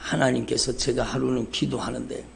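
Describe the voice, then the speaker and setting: A man's voice: mid-range voice, level tone, fairly quick, creaky. A male pastor preaching a sermon in a church, fervent and repetitive, calling out to the congregation again and again. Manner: fervent preaching, repeats "여러분" and "정말로". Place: church sanctuary. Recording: live church service stream.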